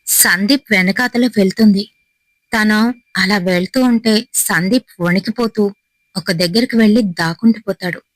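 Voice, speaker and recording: A woman narrates a horror tale at a dramatic, unhurried pace. Her voice sits in a middle pitch. The recording is close and dry with no room sound. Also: no room sound, poor audio. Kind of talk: storytelling narration.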